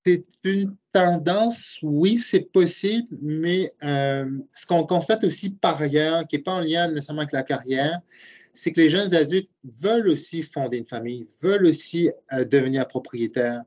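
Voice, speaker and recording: This man in his late forties has a fairly high, slightly mellow voice, speaks at a moderate pace, and has a Québécois French accent. He's a university program director and professor, earnestly thinking aloud as he explains his views while answering webinar questions. The web call audio is muffled and lo-fi.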